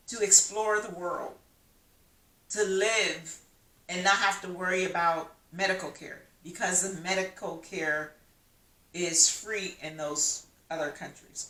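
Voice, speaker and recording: Slow, bright-voiced motivational woman. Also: lowish voice. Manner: emphatic, rhetorical questions, encouraging. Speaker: vlogger. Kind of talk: motivational vlog talk. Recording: echoey room, mic at a distance.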